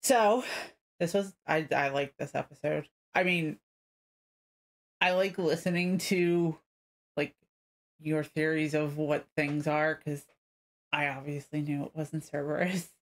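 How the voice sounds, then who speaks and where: A woman's voice: sits low, steady tone, slow, long pauses. A woman co-hosting a TV reaction, chatting casually, laughing often and reacting with short exclamations. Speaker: co-host of a TV reaction channel.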